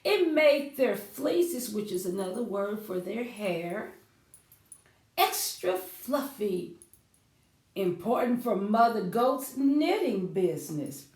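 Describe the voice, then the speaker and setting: As a children's librarian leading storytime, a woman reads aloud, sings along, and explains things simply, posing questions to young listeners. Her medium-pitched, slightly mellow voice swings widely in pitch, and she takes her time. The room echoes.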